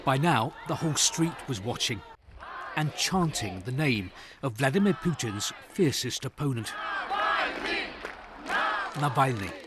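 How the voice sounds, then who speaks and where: Man reporting news over clear background noise. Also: medium pitch, expressive, a loud crowd. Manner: measured, solemn delivery in short phrases. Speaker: TV news correspondent. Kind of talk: scripted news report narration.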